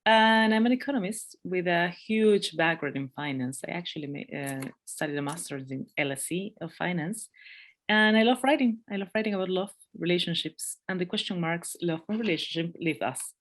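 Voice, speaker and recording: A Peruvian woman in her thirties, a podcast guest, speaks English with a thick Peruvian Spanish accent in a relaxed interview chat, laughing often and restarting her sentences. Her voice is fairly low and her pace moderate.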